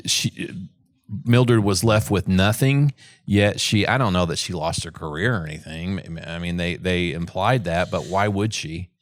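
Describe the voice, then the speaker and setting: A man's voice: low voice, unhurried, dry recording, studio quality. An older man co-hosting a film podcast, musing in a thoughtful, rambling way with frequent restarts. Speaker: podcast co-host, the dad. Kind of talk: casual film discussion.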